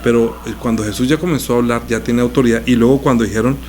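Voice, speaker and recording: A man's voice: mid-range voice, fairly even intonation, fast, darkish tone, a little hiss or hum. Man preaching a conversational sermon. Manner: conversational, explains scripture with everyday examples. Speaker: pastor. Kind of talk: sermon, Bible teaching.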